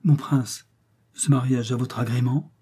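A sly old steward, as a man reads him in an audiobook, wheedling and plaintive, with a mellow, husky voice pitched a little above the reader's own. He talks humbly, as if always asking a favor. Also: moderate pace, natural voice. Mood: humble. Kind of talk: audiobook reading.

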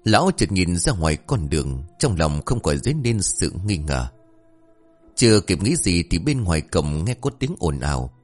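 A man tells a folk ghost story with a lowish voice that swings widely in tone. His narration is lively and expressive. Soft music runs underneath. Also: normal speed.

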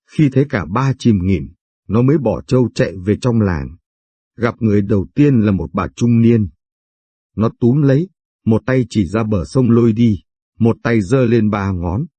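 A man reading a somber short story aloud in a measured narration. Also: fairly low pitch, mellow, husky, dry recording.

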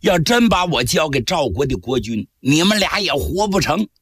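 A man voicing a cunning captured general who pleads and bargains in a low, wheedling voice, in traditional storytelling. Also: sing-song, normal speed, fairly bright tone, slightly rough, dry recording, studio quality, exaggerated voice. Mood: menacing. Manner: low, wheedling, slyly persuasive. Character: captured male enemy general, cunning, pleading then menacing.

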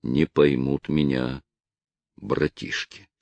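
A man's voice: a bass voice, little pitch movement, slow pace, a little mellow, dry recording, dull audio, exaggerated voice. A man voicing an angry, defiant young male vigilante who argues in a heated, raised voice.

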